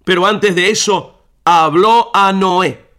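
Brief: male devotional radio speaker, high, bright tone, unhurried storytelling sermon. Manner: earnest, direct appeal to the listener. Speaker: radio preacher.

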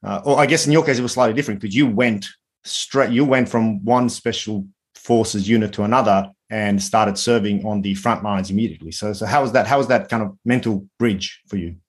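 Low-voiced male podcast host. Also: fairly quick. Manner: rambling questions with restarts. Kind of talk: casual interview talk.

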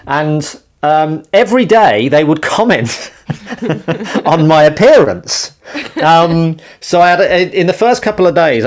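A man chatting casually in an interview, rambling through anecdotes in a self-mocking way and laughing often. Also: mid-range voice. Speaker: interviewed performer and pianist. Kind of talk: casual podcast chat.

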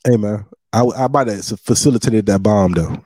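A man hosting a casual comedy podcast, talking in a boastful, animated way with lots of emphatic trash talk. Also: fairly low pitch, normal speed, no room sound.

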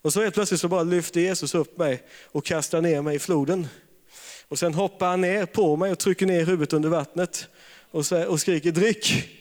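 Jovial preacher in an echoing hall. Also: male voice, a little high, steady tone, darkish tone. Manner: humorous storytelling, laughs often. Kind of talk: charismatic sermon. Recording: long reverb of a large hall.

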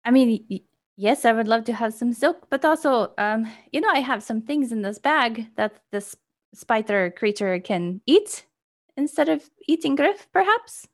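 Woman player, hesitant, gravelly, slightly high. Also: lively intonation, moderate pace. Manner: hesitant, giggly. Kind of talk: casual game play.

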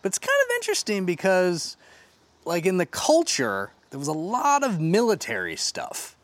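A man's voice: high voice, wildly swooping pitch, normal speed, dry recording. A man co-hosting a podcast in casual chat, talking loosely with many fillers. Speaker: podcast co-host.

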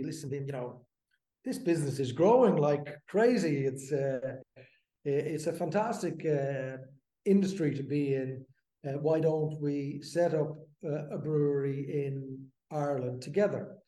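A man in his fifties from the Netherlands, a brewery co-founder, talking as a podcast guest in a halting, filler-filled way. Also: on the high side, warm tone, reverberant. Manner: halting, many fillers and restarts. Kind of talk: casual interview.

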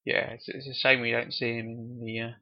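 A man's voice: mid-range voice, level tone, a little fast. A man co-hosting a podcast, chatting casually about old horror films, hesitant and full of restarts. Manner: hesitant, many restarts and fillers. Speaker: podcast co-host. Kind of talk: casual film discussion. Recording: dull lo-fi podcast audio.

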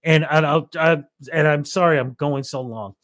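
A man's voice: a little high, normal speed, dry recording, clean studio sound. A middle-aged Canadian man, a radio reporter, telling stories as an interview guest and acting out both voices of remembered phone calls. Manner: animated storyteller who acts out both sides of remembered phone calls. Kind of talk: casual storytelling in an interview.

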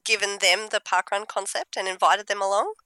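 A woman's voice: medium pitch, flat delivery, a little fast, pushed and bright, dry recording. A woman co-hosting an interview, asking questions and responding in a casual style. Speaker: interview co-host.

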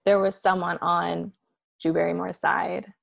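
A young woman co-hosting a podcast in casual chat, relaxed and agreeable. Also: fairly low pitch, unhurried, vocal fry. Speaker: podcast co-host.

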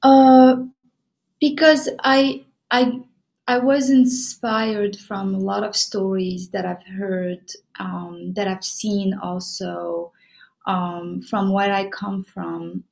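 A woman from Morocco answering interview questions about her film, pausing often with fillers and restarting her sentences. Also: mid-range voice, flat delivery, vocal fry, a little mellow, low-quality recording. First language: Moroccan Arabic or French. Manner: hesitant, many fillers and restarts. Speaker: filmmaker guest.

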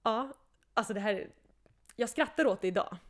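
Young woman telling a story animatedly. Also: fairly high pitch. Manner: animated, acts out quotes, laughs often. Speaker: podcast guest telling her story. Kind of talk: casual storytelling.

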